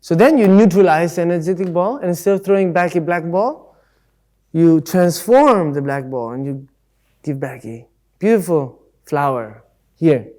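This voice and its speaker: Male speaker, casual Dharma talk, conversational and full of everyday examples, slightly high voice. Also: expressive, normal speed, darkish tone. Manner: acts out voices in quotes. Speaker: speaker at a Buddhist centre.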